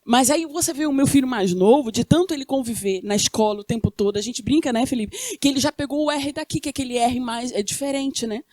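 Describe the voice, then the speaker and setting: Speaking fast with hardly any pauses, this Rio de Janeiro woman delivers a sermon in Carioca-accented Brazilian Portuguese, questioning the congregation and answering herself. Her voice sits high and is a little mellow. There's no room sound at all.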